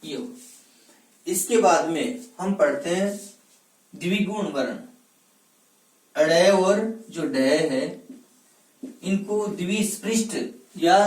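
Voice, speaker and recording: A high-voiced man teaching a grammar lesson, asking questions and answering them himself. His voice sounds a bit distant from the mic, in an echoey room. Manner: spells out letters slowly one by one. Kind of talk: classroom lecture.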